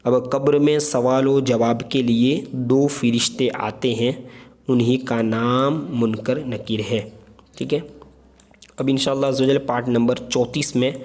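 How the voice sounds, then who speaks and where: Man, patient teacher, spelling lesson, average pitch, repeats words, voice-over. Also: fairly even intonation, unhurried, darkish tone. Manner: patient, repeats words and checks with "theek hai". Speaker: Urdu teacher.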